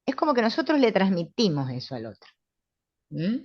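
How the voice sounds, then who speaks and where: A middle-aged woman with a Rioplatense Spanish accent, calmly and confidently teaching a spiritual therapy class, often asking "right?". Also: medium pitch, a little fast, breathy edge, no room sound. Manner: calm, assured, with frequent tag questions. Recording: dull, lo-fi sound.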